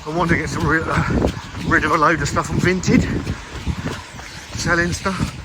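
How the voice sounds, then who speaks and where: Bloke rambling while out running, highish voice, sweary, takes the piss out of himself, really loud wind and rain. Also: male voice, fairly even intonation, normal speed. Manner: talking while out running, in broken phrases; sweary, self-deprecating. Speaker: running vlogger. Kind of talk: casual rambling vlog chat. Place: outdoors along roads in the rain.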